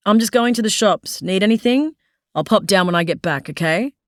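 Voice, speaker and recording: A woman's voice: mid-range voice, expressive, fairly quick, dry recording, clean studio sound, lightly acted. A woman voicing a friendly young man who teases his running buddy in an easygoing way. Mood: teasing. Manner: teasing, easygoing.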